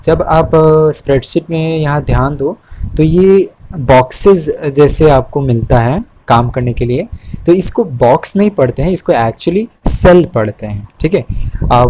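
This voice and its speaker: A man's voice: on the high side, a little mellow, slight background noise, poor audio. A young man, teaching a screen-recorded spreadsheet tutorial in a patient way. He repeats key terms and often checks in with the viewer. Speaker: Excel instructor. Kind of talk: screen-recorded tutorial, mixing Hindi and English.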